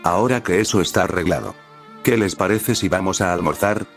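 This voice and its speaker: A man's voice: low-pitched, brisk, vocal fry, soft background music. A man reading the lines of a blunt, bossy female village leader in a fan story, with no change from his own voice. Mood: brisk.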